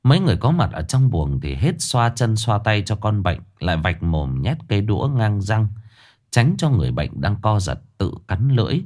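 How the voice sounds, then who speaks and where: A man narrating a ghost story in a dramatic, expressive reading. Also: fairly low pitch, moderate pace.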